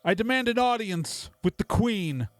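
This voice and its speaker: A man's voice: high voice, lively intonation, normal speed, no echo, faint music behind, pitched above the performer's own voice. A man voicing a haughty male fae prince regent who makes a grand, formal demand in a tabletop game. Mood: imperious.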